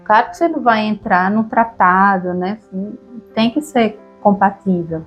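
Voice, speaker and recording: Brief: Brazilian woman, chatty co-host, slightly husky, mid-pitched, soft music under. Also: moderate pace, highs cut off. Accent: Brazilian Portuguese. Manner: relaxed, chatty, frequent tag questions. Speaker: podcast co-host. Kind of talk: casual conversation about reading aloud.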